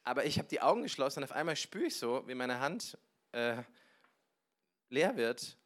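A man preaching a sermon, telling personal stories with lively, animated delivery and acting out conversations with sudden loud bursts. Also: medium pitch, moderate pace. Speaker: pastor.

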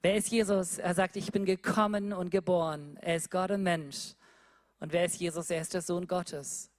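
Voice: fairly even intonation, normal speed. Preacher with rhetorical questions. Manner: repeats rhetorical questions, swings between loud emphatic and quiet low delivery. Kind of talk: sermon.

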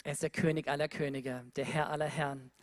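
A preacher giving a sermon, repeating rhetorical questions and moving between loud emphatic lines and quiet low ones. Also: little pitch movement, fast talker.

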